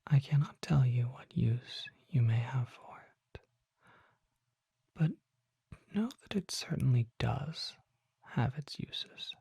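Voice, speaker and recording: An ASMR roleplay features a performer using an exaggerated, medium-pitched voice as a mysterious vampire apothecary, gentle and solemn. The hushed, breathy whisper carries formal, deliberate phrasing, recorded with no room sound.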